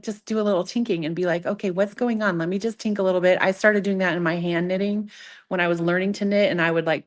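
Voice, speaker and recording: A woman's voice: fairly low pitch, a bit bright. Chatty woman teaching a live craft workshop. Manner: chatty, self-interrupting, playfully self-mocking. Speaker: craft instructor demonstrating sock knitting. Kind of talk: live workshop demonstration with casual chat. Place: live in-person event with an audience. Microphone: event microphone.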